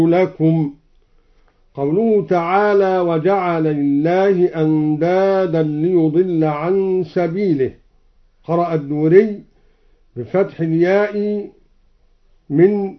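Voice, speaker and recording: A man with a fairly high voice teaches recitation at a very slow, deliberate pace. His explanations alternate with melodic chanting of the verses. The recording is dull and lo-fi.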